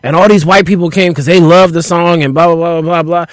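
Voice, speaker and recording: A man with a slightly high voice co-hosts a casual podcast. He tells stories in an animated, profane way. His voice sounds close and dry. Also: a little fast, no room sound. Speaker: podcast co-host. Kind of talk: casual chat.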